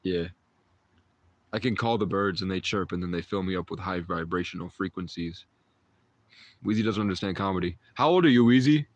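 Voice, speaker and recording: Deep-voiced and fairly quick, yet prone to long pauses, this twenty-something man hosts a livestream. He rambles to his viewers mystically and meanderingly, often starting over and chuckling briefly.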